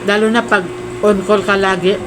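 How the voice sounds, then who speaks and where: With a medium pitch, little variation, and a normal pace, a Filipino woman eats on camera for her casual food vlog. She hums appreciatively as she talks, while dishes clatter in the noisy room.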